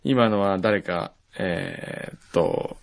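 A man's voice: sits low, wildly swooping pitch, very slow, gravelly. A man co-hosting a podcast in casual chat, teasing and joking with his co-host.

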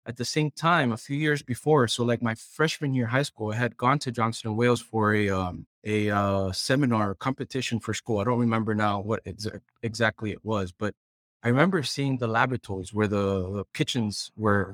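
In a dry, clean studio recording, a lowish-voiced man from Puerto Rico, a chef and culinary director, appears as an interview guest. He tells stories conversationally, frequently acting out quotes from himself and other people.

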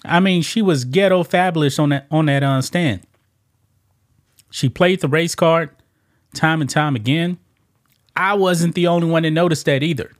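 A man's voice: on the high side, moderate pace, long pauses. A man hosting an online commentary show, talking casually and emphatically, often tossing in "man" and repeating his points. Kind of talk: opinionated political commentary.

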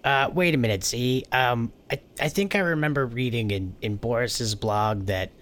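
A man's voice: mid-range voice, moderate pace, fairly bright tone. A man chatting casually as a player in a tabletop role-playing game. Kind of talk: casual chat.

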